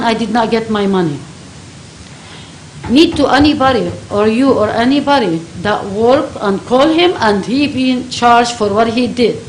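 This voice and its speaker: A woman's voice: fairly high pitch, reverberant, a little hiss or hum, low-quality recording. A woman from Lebanon with a Lebanese accent, giving an impassioned public comment at a county board meeting in broken, repetitive English. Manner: emphatic, broken English, repeats herself.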